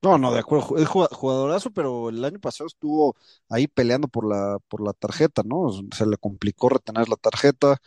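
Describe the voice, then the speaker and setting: A man's voice: medium pitch, fairly quick, a little mellow, dry recording. A man co-hosting a golf podcast, talking colloquially and repeating words as he goes. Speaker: podcast co-host. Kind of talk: casual golf chat.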